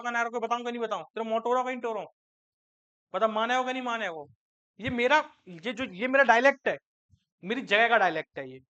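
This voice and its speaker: High-voiced, bright male lecturer. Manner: asks students questions and answers them himself; mixes English terms into Hindi. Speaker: teacher. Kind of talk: classroom lecture.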